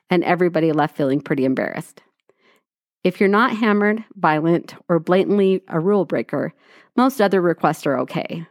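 A woman's voice: fairly low pitch, a little mellow, no echo. A woman co-hosting a podcast, reading a blog aloud to her co-hosts in a dry, wry way, sometimes correcting herself. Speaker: podcast co-host.

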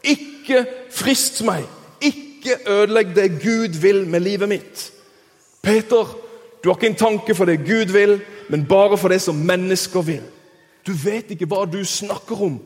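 A man's voice: high-pitched, big pitch swings, breathy edge, exaggerated voice. A man voicing Jesus within a sermon, commanding and direct. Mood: rebuking. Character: Jesus, male teacher, calm then stern. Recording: reverberant hall.

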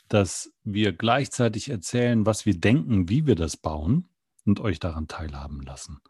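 A man with a husky, slightly breathy voice who tells a story off the cuff and stops to reason aloud about his next move. The sound is dry and close. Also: on the low side, darkish tone, no room sound. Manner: thinking aloud, explaining his steps. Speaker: improviser. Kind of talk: improvised storytelling with think-aloud commentary.

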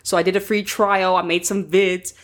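A woman's voice: fairly low pitch, little pitch movement, moderate pace. A woman co-hosting a podcast, chatting casually and bluntly, swearing freely and laughing through her stories. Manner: blunt, profane, laughing storyteller. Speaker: podcast co-host. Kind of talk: casual chat.

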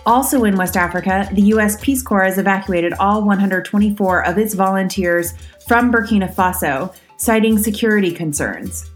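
A woman hosts a podcast with an even, mid-pitched voice. She delivers the news and asks her questions in a measured, articulate way, with faint music under her. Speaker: podcast host. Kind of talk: podcast news roundup and interview.

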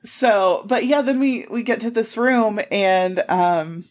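A woman's voice: mid-range voice, slow, a little mellow. A woman co-hosting a podcast in casual chat, telling stories animatedly with frequent laughs and swearing. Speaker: podcast co-host.

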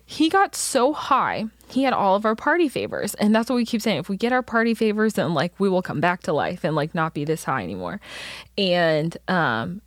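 A young woman from Texas telling a long, animated personal story in casual chat, swearing freely, laughing, and acting out the voices of the people in it. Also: on the low side, normal speed, no room sound, studio quality.

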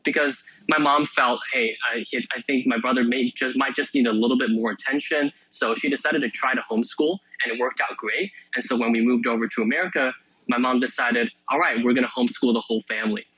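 Young male student guest, bright tone with some rasp, dry close mic, eager rambling answers. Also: medium pitch, fairly even intonation, quick pace, no room sound, poor audio. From Malaysia. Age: young adult. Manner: eager, chatty, many fillers and restarts. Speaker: interview guest, university student. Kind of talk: casual radio interview.

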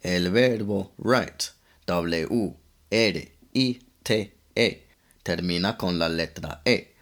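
Slow, deep-voiced man teaching English grammar. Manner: slow, methodical, spells out letters one by one. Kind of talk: scripted grammar lesson.

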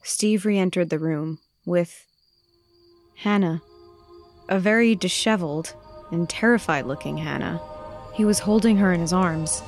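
A woman podcast host narrating an original spooky story in a measured, suspenseful way. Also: fairly low pitch. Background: soft music.

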